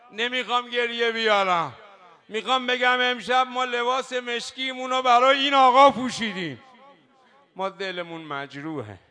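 A male preacher giving a religious sermon, moving between slow, drawn-out shouted chanting and quiet, hushed storytelling. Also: very high voice. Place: religious hall at a night gathering.

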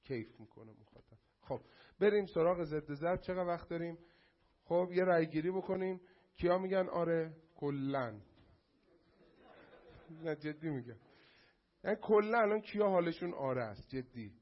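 Animated male lecturer, lo-fi recording. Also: on the high side, long pauses. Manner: animated, addresses the class, acts out mocking quotes. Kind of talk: lively class lecture on art and aesthetics.

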